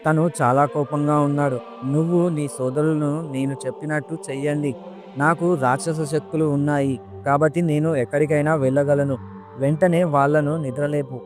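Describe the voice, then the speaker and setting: A man's voice: a little high, steady tone, normal speed, darkish tone, soft background music, natural voice. A man reading as a pleading young demoness. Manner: earnest, pleading, urgent.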